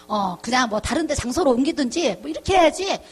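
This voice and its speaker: A woman's voice: high voice, lively intonation, normal speed, breathy edge. A middle-aged woman pastor giving a chatty testimony sermon, acting out the voices of the people in her story. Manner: chatty storytelling, acts out quoted voices, laughs often.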